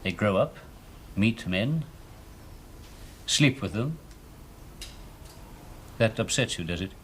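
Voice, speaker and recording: A middle-aged detective in a 1970s TV police drama, probing a suspect with calm, coaxing patience that hardens into pressure. His pitch swings freely. The recording carries a faint hiss. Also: slow pace.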